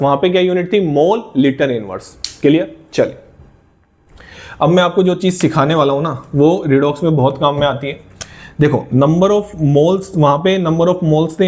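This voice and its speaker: Man teaching, slightly high voice. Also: darkish tone. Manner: coaxing, asks and answers his own questions. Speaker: chemistry teacher. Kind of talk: classroom lecture.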